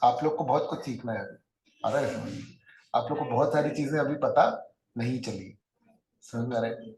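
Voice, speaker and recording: A man's voice: medium pitch, normal speed, a little mellow. A man teaching a classroom lecture, talking conversationally and checking often whether his students follow. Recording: echoey room.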